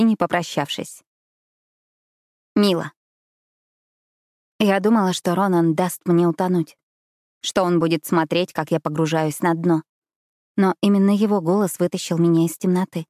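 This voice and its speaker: Low-voiced woman narrating an audiobook. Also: a little mellow, no room sound, studio quality. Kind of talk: first-person scripted narration.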